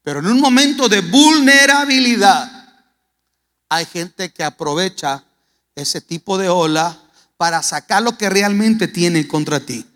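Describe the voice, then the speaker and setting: Man, sermon, dramatic storytelling, high voice, reverberant hall. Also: a little slow, a bit bright. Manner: dramatic storytelling, acts out characters' lines. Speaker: preacher.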